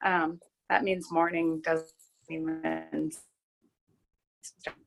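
A woman's voice: low voice, drawn-out words, creaky, soft background music, poor audio. Middle-aged woman whose call audio cuts out. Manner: relaxed, rambling with many fillers. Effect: video call audio fading and cutting out mid-sentence. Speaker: interview guest, amateur triathlete. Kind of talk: casual video call interview. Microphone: video call.

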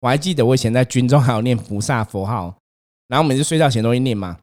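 A young man, hosting a casual chat and telling his own ghost story in an animated way, acting out the voices in it. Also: quick pace. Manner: animated, acts out quotes, rises in pitch when scared.

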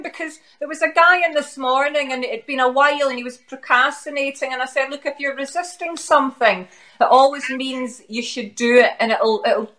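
A woman with a notably high voice and a thick Glaswegian accent. She chats informally as a guest, in punchy bursts of slang. The broad Scottish sound runs through every phrase. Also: fairly bright tone. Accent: strong, broad Glaswegian Scottish. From Glasgow, Scotland. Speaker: interview guest. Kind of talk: casual chat.

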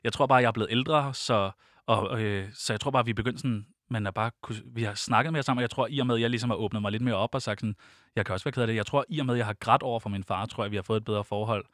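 A man's voice: fairly low pitch, a bit bright, no room sound, studio quality. A young man speaking Danish, a guest telling personal stories in an interview, open and reflective, often laughing. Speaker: podcast guest.

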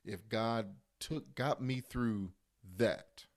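A man's voice: medium pitch, extremely slow. A man hosting a casual podcast conversation, informal and often affirming the other speaker. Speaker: podcast interviewer.

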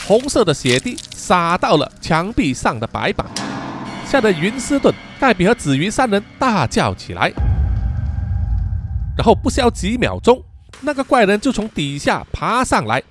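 A man from Southeast Asia narrating a horror story in a suspenseful, expressive way, over soft background music. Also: sits high, moderate pace.

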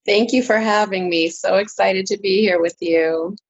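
A woman's voice: medium pitch, fairly even intonation, moderate pace, slightly rough, no echo, dull audio. A woman from San Francisco, a podcast guest, answering questions earnestly and reflectively with many fillers. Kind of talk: interview answers.

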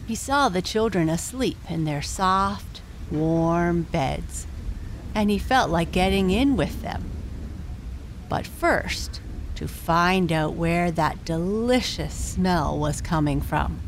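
Very slow, soft woman telling a bedtime story. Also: lowish voice, expressive, a little hiss or hum. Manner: gentle, unhurried, with long pauses.

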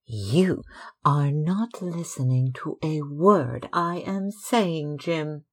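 A lovestruck young stage actress bubbles over with excitement, her voice lifted high and slightly breathy, as a man reads her lines. She gushes and exclaims at an unhurried pace. It is a storybook reading. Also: full character voice. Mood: pleading. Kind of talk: audiobook dialogue reading.

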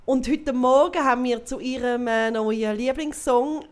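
A woman's voice: on the high side, a little slow. A woman with a Swiss German accent co-hosting a podcast in an easygoing, chatty way. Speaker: podcast co-host. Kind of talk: casual chat.

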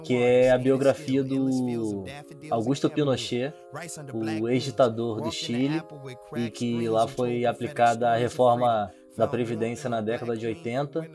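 A man's voice: medium pitch, little pitch movement, measured pace, music in the background. A man with a Brazilian Portuguese accent talking casually as a podcast co-host.

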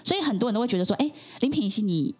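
Fast-talking woman. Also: fairly high pitch, animated, breathy edge, soft background music. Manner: earnest, rapid, with frequent affirming interjections. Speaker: podcast guest. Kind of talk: personal storytelling in conversation.

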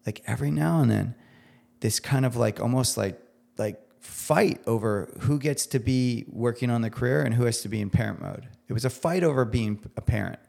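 A man's voice: medium pitch, moderate pace, vocal fry, darkish tone. A man talking as a guest on a podcast, earnest and emphatic in casual conversation, at times moved to the edge of tears. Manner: heartfelt, gets teary.

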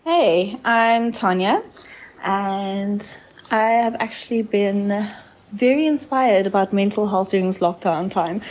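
A woman's voice: on the low side, a little mellow. A woman speaking earnestly in a recorded listener message, giving motivational advice. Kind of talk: recorded monologue.

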